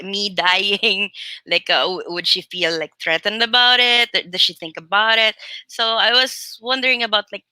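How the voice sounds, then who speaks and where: A woman author on a panel, talking with many pauses, fillers and restarts over a video call. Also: fairly low pitch, pushed and bright, no echo, low-quality recording. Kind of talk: panel discussion.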